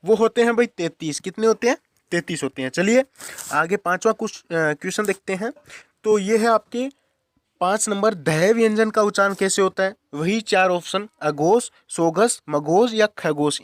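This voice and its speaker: A young man runs a quiz-style exam-prep lesson on Hindi grammar, casually repeating each question and answer to drill it in and calling viewers friends and brother. His voice sits high at a moderate pace in clean studio sound with no room echo.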